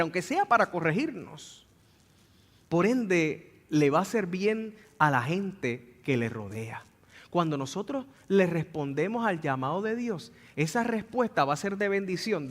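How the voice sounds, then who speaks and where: A man with a Puerto Rican accent preaching a Sunday sermon, swinging between shouts and hushed emphasis and repeating key phrases. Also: sits high, big-room sound. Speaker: pastor. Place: church sanctuary.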